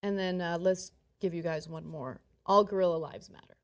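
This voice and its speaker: A woman casually presenting examples in a relaxed, hesitant way. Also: on the low side, moderate pace. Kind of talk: casual commentary.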